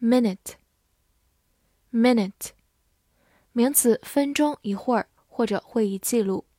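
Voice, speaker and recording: Very slow, deliberate woman reading vocabulary. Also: fairly high pitch, warm tone, dry recording, clean studio sound. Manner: measured, repeats each word twice then gives meanings. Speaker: English vocabulary teacher.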